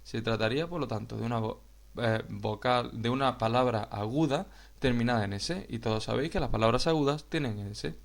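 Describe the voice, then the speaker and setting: A man with a Spain Spanish accent explains a grammar point in a video lesson. His voice has a gravelly, creaky texture at a middling pitch. He talks slowly and patiently and speaks straight to his viewers. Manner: slow, explanatory, addresses viewers directly. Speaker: teacher.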